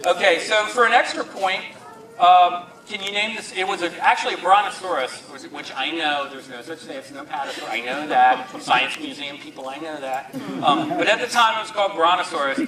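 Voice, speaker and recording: A man's voice: on the high side, brisk, crowd noise. A man hosting a live horror movie trivia quiz with a joking, bantering manner. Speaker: quiz host. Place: large hall at a live event. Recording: echoey hall, distant mic, audience noise.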